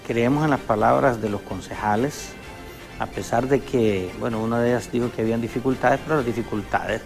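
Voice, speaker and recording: A man's voice: mid-range voice, a little mellow. A man, a congressman guest in a political interview, who explains his views and often agrees with the host.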